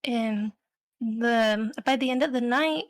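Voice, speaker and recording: A woman's voice: on the high side, slow pace, no echo. A young adult woman co-hosting a podcast, telling a story in a rambling, casual way full of fillers. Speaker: podcast co-host.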